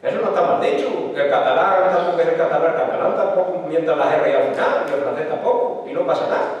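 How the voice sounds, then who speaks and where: A man with an Extremaduran Spanish accent giving a lecture, his fairly high voice peppered with rhetorical questions. He is recorded from a distance in a hall with long, heavy reverb. The sound is somewhat dull and muffled. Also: quick pace. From Extremadura, Spain. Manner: explanatory, frequent rhetorical tag questions. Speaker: lecturer on local dialect. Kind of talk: public talk. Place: hall with audience.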